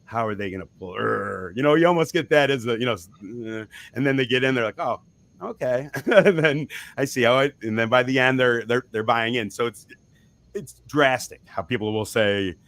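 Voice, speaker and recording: A musician guest talks loosely about his band in a casual interview, rambling, chuckling and restarting often. His mid-range voice runs a little fast with a fairly bright tone, and there's no room sound.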